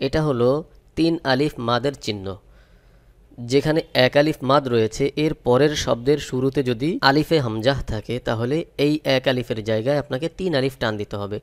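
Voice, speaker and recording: A man teaching Quran recitation, spelling out each letter and vowel and then chanting the words slowly and drawn out. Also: medium pitch. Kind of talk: step-by-step recitation lesson.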